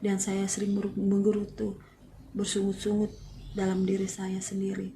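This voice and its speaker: A married woman gives a personal faith testimony, speaking slowly in short, halting phrases. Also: medium pitch, completely flat delivery, warm tone, a little hiss or hum. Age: adult, married with family. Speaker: church member giving testimony.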